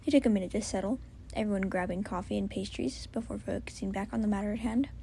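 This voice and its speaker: A woman doing a soft whispered story reading at home. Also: mid-range voice, fast talker, vocal fry, slight background noise. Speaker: story reader. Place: home with a cat.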